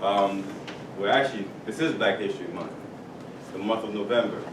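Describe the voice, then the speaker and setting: A young man holds forth to a room of schoolchildren, lively and playful, pulling them into call-and-response. He is picked up from across a reverberant room by a distant camera, with steady background noise. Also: fairly low pitch, moderate pace. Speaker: guest speaker at a school career day. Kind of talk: motivational talk to children. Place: school classroom or hall.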